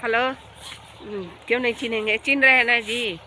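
Bright-voiced young woman in village vlog. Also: on the high side, steady tone, moderate pace, a little hiss or hum. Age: young adult. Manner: playful, talking straight to viewers. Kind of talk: casual comedic skit chat. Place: outdoors in a rural field.

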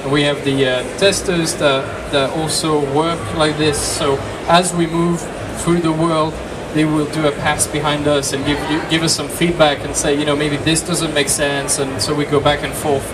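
In a small, dark convention room, a French game designer in his thirties addresses an audience in a casual, upbeat way, often repeating words. He speaks at normal speed with hardly any pauses, in a fairly high, flat voice. The sound comes from a distant camera mic with loud background noise.

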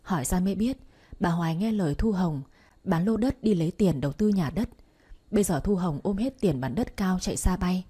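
A woman narrating a bedtime story in a calm, even storytelling manner. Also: on the low side, a little fast, slightly rough.

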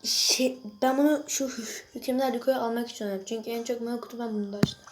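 A young girl chatting excitedly to viewers while she plays a mobile game, reacting loudly to each moment. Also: a little high, fast, poor audio. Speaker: gaming video creator. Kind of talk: casual gameplay commentary. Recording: music playing behind the voice.

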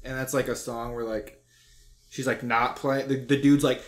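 A man's voice: mid-range voice, flat delivery. A young man co-hosting a podcast, chatting and joking with friends. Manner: joking, chatty, quick to react. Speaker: podcast co-host. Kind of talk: casual chat.

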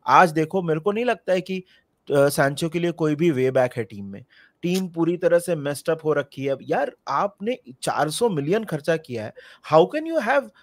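Male panelist from India, slightly high voice, excitable and rambling, dry close mic. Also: no room sound. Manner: animated, rambling, frequently forgets names. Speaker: football podcast panelist. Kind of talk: casual football chat mixing Hindi and English.

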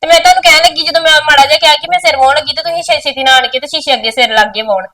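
A woman's voice: sits high, rapid-fire, bright, forceful tone. A woman playing a sulky, resentful younger sister who argues with her elder sister. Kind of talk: village short film acting.

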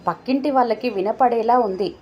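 A woman voicing a kind older mother who soothes her family, lifting her voice higher for her in a storybook reading. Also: a little fast, lo-fi sound, a little hiss or hum, natural voice. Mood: gentle caring. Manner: soothing, affectionate. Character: gentle caring older mother, peacemaker.

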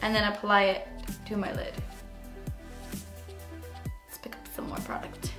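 A woman with a raspy voice today, casually talking through a makeup tutorial in a chatty way full of fillers. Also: mid-range voice, monotone, a little slow, fairly bright tone, reverberant, soft background music. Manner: chatty, filler-heavy, frequent "like". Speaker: beauty vlogger.

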